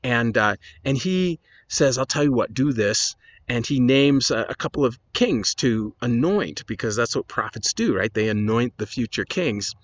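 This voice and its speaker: A man's voice: medium pitch, animated, a little slow, hardly any pauses, dry recording, lo-fi sound. A man, a pastor, retelling Bible stories in a casual, conversational lesson with chatty asides.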